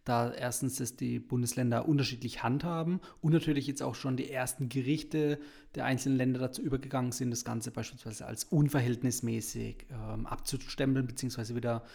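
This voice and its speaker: A man hosting a podcast, talking in a calm, measured way and asking his guest questions. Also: mid-range voice, gravelly, slightly rough. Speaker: podcast host. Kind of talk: casual podcast conversation.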